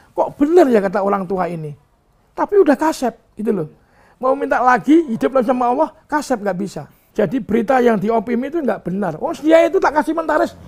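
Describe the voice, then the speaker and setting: An older man, lecturing and complaining at length about his son to an interviewer, preachy and emotional. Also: extremely high pitch. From Indonesia. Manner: preachy, lecturing, mixes in Javanese words. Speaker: father giving a clarification interview.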